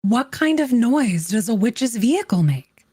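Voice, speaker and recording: A woman's voice: a little high, big pitch swings, measured pace, dark tone, slightly rough. A woman chatting casually and playfully as a player in a tabletop role-playing game.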